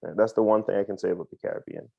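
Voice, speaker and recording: A man's voice: lowish voice, racing, gravelly, warm tone, husky, dry recording. A man from Barbados, a pilot telling his story as a podcast guest in a chatty way, full of ums and uhs. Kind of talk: casual interview answers. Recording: dull lo-fi dry sound.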